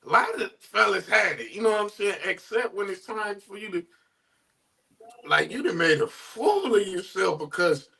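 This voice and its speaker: Man on a podcast, raspy, sharp kinda tone, stumbles over words. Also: sits high, expressive. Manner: halting, repeats words. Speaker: podcast co-host. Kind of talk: casual chat. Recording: farther from the mic.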